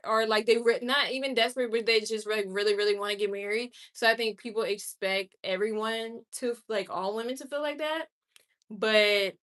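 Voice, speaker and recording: This woman's medium-pitched voice comes across pushed and bright. In her late twenties, she hosts a livestream, frankly voicing strong opinions and replying to comments from viewers.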